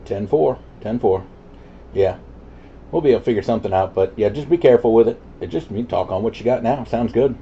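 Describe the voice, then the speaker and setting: A man with a mid-range voice talks fairly quickly in a relaxed CB radio conversation. His transmission comes through muffled and static-filled.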